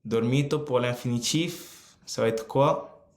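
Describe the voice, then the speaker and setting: Male teacher, mid-pitched, unhurried live-lesson delivery, roomy echo. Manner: slow, drawn-out explaining with frequent pauses. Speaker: Italian teacher. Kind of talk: live online grammar lesson. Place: room, typing on a keyboard.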